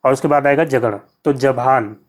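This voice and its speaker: A man's voice: medium pitch, fairly even intonation, moderate pace. A man teaching an exam-prep lesson, patiently explaining answers and repeating key terms as he addresses viewers as friends. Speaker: Hindi exam tutor.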